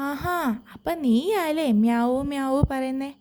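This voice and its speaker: A woman's voice: sits high, measured pace, dark tone. A woman voicing a curious young male puppy who keeps asking questions in a children's story.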